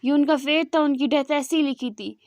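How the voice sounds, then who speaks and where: A woman's voice: sits high, normal speed, a little mellow, dry recording, clean studio sound. A woman voicing a devoted young male cultivator who soothes and pleads with the one he loves. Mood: tender.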